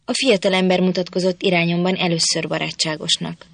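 A woman reading a novel aloud as steady, scripted narration on a close mic. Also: on the low side, gravelly, dry recording. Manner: steady storytelling. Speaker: audiobook reader.

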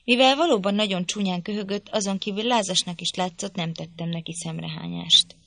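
A woman narrating a literary audiobook in a measured, even storytelling manner. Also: medium pitch, vocal fry.

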